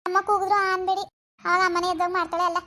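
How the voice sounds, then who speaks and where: Woman as tired young daughter-in-law, polite, weary, high voice, cartoon. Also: little pitch movement, racing, pushed and bright. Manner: polite, listing chores, weary.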